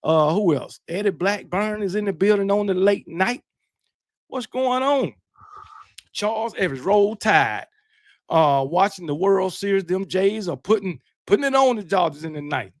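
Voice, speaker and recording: A man's voice: sits high, normal speed, no echo, clean studio sound. A middle-aged man, casually hosting a late-night livestream, greeting viewers with slangy banter. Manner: relaxed, shout-outs, slangy banter. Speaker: livestream host.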